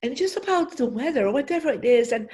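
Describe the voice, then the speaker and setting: A woman's voice: sits high, animated, brisk, a little mellow. Storytelling woman teaching a master class. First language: Dutch. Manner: storytelling, repeats "yeah?" to the audience. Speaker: feng shui teacher. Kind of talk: online master class talk.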